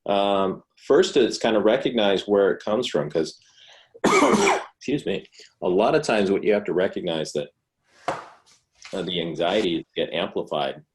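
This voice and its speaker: Male presenter, low-pitched, easygoing explainer with lots of restarts. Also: a little slow. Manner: relaxed conversational explaining, with restarts. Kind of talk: online presentation Q&A.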